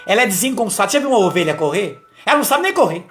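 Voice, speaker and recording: A man's voice: high voice, sing-song, racing, fairly bright tone, soft background music. Man preaching a conversational testimony. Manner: conversational, storytelling, frequent tag questions. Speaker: lay preacher giving testimony. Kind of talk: personal testimony on a live stream.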